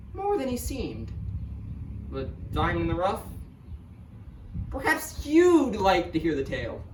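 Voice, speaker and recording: Woman playing theatrical peddler, distant echoey recording. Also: medium pitch. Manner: theatrical, salesman-like, dramatic pauses and exclamations. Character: male desert merchant, eager, wheedling showman and storyteller. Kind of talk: amateur theatrical monologue. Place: outdoors. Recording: roomy, distant mic, noisy outdoor ambience.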